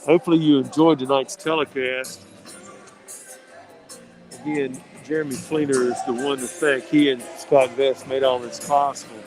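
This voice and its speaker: An American man gives conversational local basketball commentary in an indoor school gym, his voice slightly muffled by a face mask, adding folksy, coach-like asides. He speaks at moderate pace in a mid-range, level, darkish voice. Soft background music, gym noise and bouncing balls fill the noisy recording.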